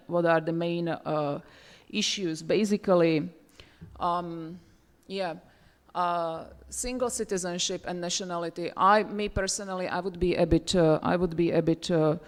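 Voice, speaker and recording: A woman from Czechoslovakia speaking English at a roundtable discussion, pausing often with fillers and restarting her sentences. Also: on the low side. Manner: hesitant, many fillers and restarts. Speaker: roundtable panelist. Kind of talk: conference panel remarks. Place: university seminar room.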